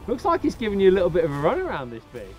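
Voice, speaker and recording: Upbeat middle-aged angler, slightly high voice, outdoors with music underneath. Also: male voice, wildly swooping pitch, rapid-fire, a little mellow. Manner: upbeat, effusive, matey. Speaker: angler and co-host. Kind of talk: casual outdoor chat. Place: riverbank outdoors.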